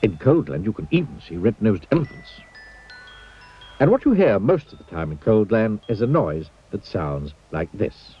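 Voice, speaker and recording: Husky man narrating a children's story. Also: lowish voice, moderate pace. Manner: expressive, playful storytelling. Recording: dull lo-fi old TV soundtrack.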